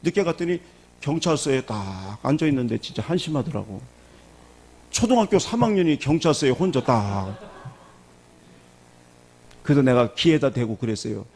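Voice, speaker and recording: Lively, gravelly-voiced male pastor preaching. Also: medium pitch, moderate pace, pauses often. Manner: lively preaching, asks the congregation questions. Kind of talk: sermon. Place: church sanctuary.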